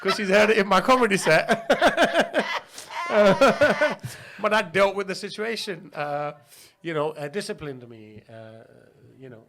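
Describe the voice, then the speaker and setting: A man's voice: high voice, lively intonation, a little slow, fairly bright tone. A man from Pakistan telling stories as a podcast guest, chatty and laughing, with many restarts. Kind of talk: casual interview storytelling.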